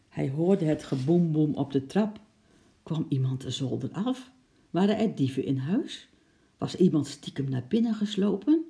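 Gravelly, dark-voiced man reading a children's story. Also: a little high. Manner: lively, acts out sound effects.

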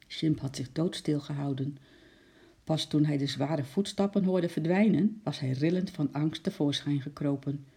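A storyteller reading a children's story aloud in a calm narrating voice. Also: medium pitch, slightly rough.

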